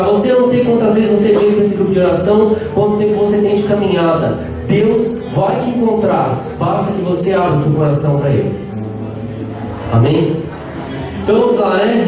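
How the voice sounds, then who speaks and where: A Brazilian lay preacher in his thirties, with a Brazilian Portuguese accent, gives a lively live charismatic sermon, playfully joking with the crowd and calling out for their response. His high voice comes from a distance, and a big echo fills the large prayer-group hall while music plays behind him.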